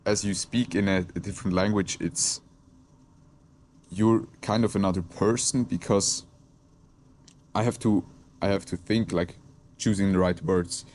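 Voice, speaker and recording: A Swiss content creator, a native Swiss German speaker with a Swiss German accent, talks reflectively and casually to camera, hesitant and searching for words with frequent restarts. His voice sits low and is a little mellow, with a bit of hiss or hum in the recording.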